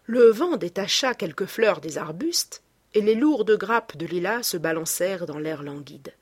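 A woman narrating a classic novel as an audiobook reader, calm and descriptive. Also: fairly low pitch, measured pace, husky, dry recording.

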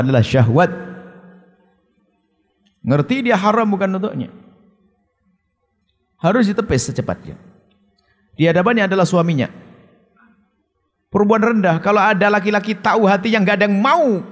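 A man preaching a sermon in a stern, emphatic manner, his voice high and lively as it swoops up and down. The sound carries a long reverb, as if recorded in a large hall. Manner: emphatic and stern, with sharp swings of pitch. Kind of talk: sermon answering a question from the audience.

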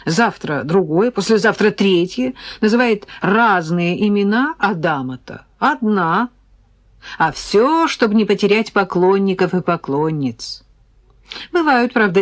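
A woman reading a novel aloud in first person, with a wry, ironic storytelling manner. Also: fairly low pitch. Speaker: audiobook reader. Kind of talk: scripted first-person narration.

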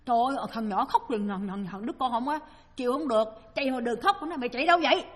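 Woman, Southern Vietnamese accent, dharma talk, lively storyteller, raspy, long hall echo. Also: on the high side, racing. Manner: lively storyteller, acting out the people she quotes. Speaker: Buddhist dharma speaker.

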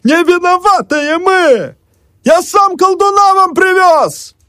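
A man voicing a desperate peasant man who yells pleas and boasts out of a window at a hostile crowd, as part of an audiobook reading. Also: takes it slowly, no room sound, clean studio sound, heavily acted. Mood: yelling. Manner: bellowing, desperate, high-pitched yelling. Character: frantic peasant man shouting at a mob.

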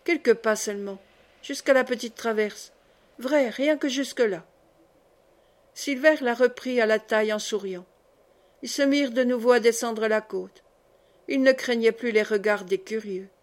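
Woman reading a classic novel aloud. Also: a little high. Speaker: audiobook narrator. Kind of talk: literary audiobook reading.

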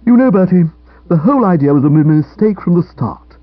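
In a comic audiobook, a man voices a gloomy, self-pitying young upper-class English writer, grumbling theatrically in an aggrieved, dramatic mood. He pitches his voice above his own, making it high, animated and a little fast, on a dull lo-fi radio-style recording with no room sound.

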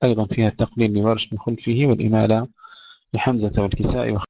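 A man teaching tajweed, reciting verses slowly and melodically, then explaining the rules quickly. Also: on the low side, little pitch movement, creaky, dark tone, no echo. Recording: dry, muffled lo-fi recording.

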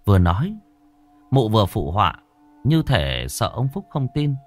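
A man narrating a horror story in a dramatic, expressive way. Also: on the low side, moderate pace, soft background music.

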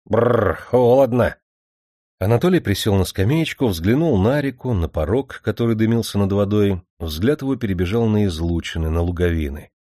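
Man reading a novel out loud, kinda low voice, dry studio sound. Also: animated, a little fast, hardly any pauses, no room sound. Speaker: narrator. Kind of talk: audiobook narration.

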